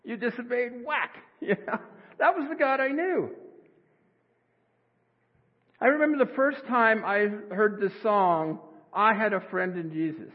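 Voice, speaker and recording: A man preaching a sermon as pastor, earnest and conversational, with sudden rises in pitch. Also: a little slow, long pauses. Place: church sanctuary. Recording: tinny phone-like sound, long hall reverb.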